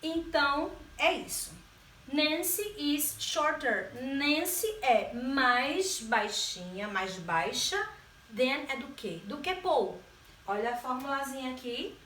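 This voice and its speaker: A Brazilian woman teacher with a high, bright-pitched voice walks through a grammar lesson, slowly drawing out the key words and pausing to check for understanding. Her voice carries a roomy echo, heard from some distance off the mic. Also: lively intonation, a little hiss or hum. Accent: Brazilian Portuguese. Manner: patient, stretches key words, frequent checking "certo?". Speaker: English teacher.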